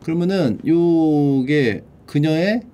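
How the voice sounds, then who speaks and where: A man's voice: fairly high pitch, dark tone. A man streaming casually, playfully sounding out English vocabulary and translating it. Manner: playful, drawls out English words slowly and repeats them; mutters and swears under his breath. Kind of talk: casual livestream vocabulary study.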